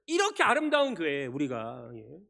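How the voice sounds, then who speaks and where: A male pastor preaching a Sunday sermon, firing rhetorical questions at the congregation and swinging between loud emphasis and quiet asides. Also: fairly high pitch, wildly swooping pitch, moderate pace, creaky. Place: church sanctuary. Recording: long church reverb.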